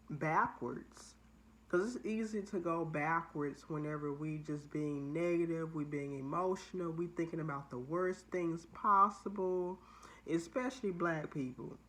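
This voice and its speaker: A woman's voice: on the low side, fairly bright tone. A woman hosting her own channel, giving a candid, confessional motivational talk drawn from her own experience. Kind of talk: motivational personal vlog talk.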